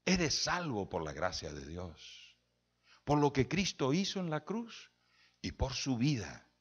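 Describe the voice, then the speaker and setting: A man's voice: sing-song, takes it slowly, breathy edge, lo-fi sound. A man preaching a sermon as pastor, telling a story and quoting the people in it. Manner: storytelling preacher quoting conversations, emphatic pitch swings.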